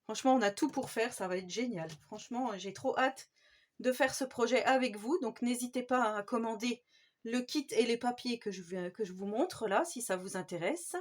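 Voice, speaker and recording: A woman's voice: on the high side, moderate pace. A woman with a French accent hosting a casual craft vlog, chatty and enthusiastic, with many fillers. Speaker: scrapbooking channel host.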